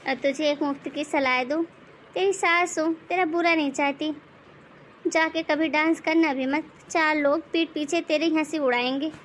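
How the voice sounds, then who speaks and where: A woman's voice: high voice, fairly even intonation, normal speed, a bit bright, slight background noise. A woman playing a bossy mother-in-law, taunting. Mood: mocking. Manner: taunting, commanding, sarcastic. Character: bossy middle-aged mother-in-law, scolding and mocking. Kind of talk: animated moral story voice acting.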